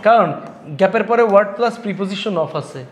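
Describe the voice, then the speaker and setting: A man teaches English grammar in a high voice. He talks casually, teasing and scolding his students as he explains. The sound bounces around a roomy, echoing space. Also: animated, a little fast. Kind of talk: classroom grammar lesson.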